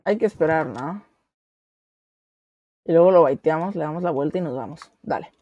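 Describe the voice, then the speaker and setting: A woman chatting casually through a game, excitable and quick to shriek and repeat herself. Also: deep voice, dull audio. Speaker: gamer. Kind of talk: casual gameplay chat.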